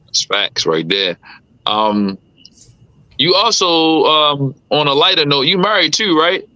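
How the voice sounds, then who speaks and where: A man in his thirties from the Caribbean, hosting a casual interview and asking questions in a relaxed, slangy, conversational way. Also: on the high side, slow, no room sound, lo-fi sound. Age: 30s. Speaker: host. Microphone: remote live-stream call.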